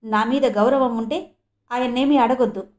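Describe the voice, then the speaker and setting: A woman's voice: fairly high pitch, steady tone, normal speed, close to an everyday voice. A woman voicing a stubborn middle-aged mother who speaks firmly in a storybook reading. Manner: firm, scolding.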